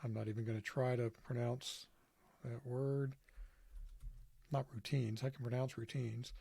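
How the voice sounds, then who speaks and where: Gravelly man explaining a screen demo. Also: mid-range voice, little pitch movement, unhurried, warm tone, no room sound. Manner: casual, self-deprecating, thinks aloud with fillers. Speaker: podcast host demonstrating software. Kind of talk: screen-recorded tutorial walkthrough.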